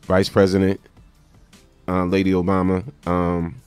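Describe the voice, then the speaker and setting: A man works as a morning radio DJ on a call-in show, with music playing faintly underneath. His talk is loose and informal, with repeated phrases and friendly shout-out patter, at an ordinary male pitch on the low side. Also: monotone, a little slow, smooth, no echo. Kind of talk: morning radio DJ chat, casual call-in hosting.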